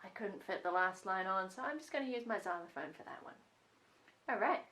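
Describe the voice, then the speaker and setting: A woman's voice: mid-range voice, animated, a little fast, fairly bright tone. A woman music teacher leading a children's music lesson at home, playful, singing song lines between her spoken instructions. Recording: voice a little distant from the mic.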